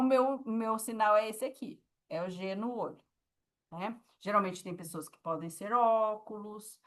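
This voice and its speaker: A Brazilian-accented woman teaching a class in a patient, explanatory way, pausing often to make sure her students follow. Her voice sits at a middle pitch and sounds plain, with nothing unusual in its tone. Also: a bit bright. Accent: Brazilian Portuguese. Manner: patient, explaining, with frequent check-ins. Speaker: sign language teacher.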